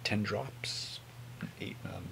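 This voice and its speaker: A man in his twenties giving a casual, mumbled, sweary product review on a low-volume webcam recording. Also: drawn-out words, vocal fry, whispered, rough recording. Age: 20s. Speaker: vape reviewer. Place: small home room with hanging clothes.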